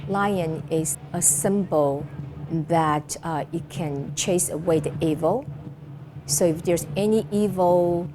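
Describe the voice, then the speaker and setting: A woman's voice: fairly low pitch, slow pace. A middle-aged woman from Taiwan, a choreographer and dancer, answering interview questions thoughtfully with many fillers and restarts. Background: music.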